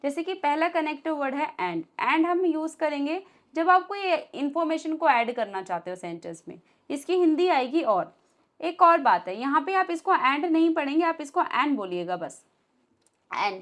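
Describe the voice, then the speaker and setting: A woman with an Indian accent teaching an online English lesson in Hindi, reading example sentences slowly and then translating them. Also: high-pitched, animated, a bit bright.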